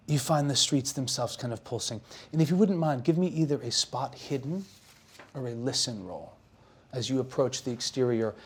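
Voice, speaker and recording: Mid-pitched man narrating a tabletop game. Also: husky. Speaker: game master.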